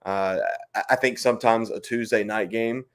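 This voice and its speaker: Man, lowish voice, sports talk co-host, conversational, asks questions, remote call. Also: steady tone, normal speed. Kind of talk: casual sports talk on a live stream. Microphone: remote video-call stream.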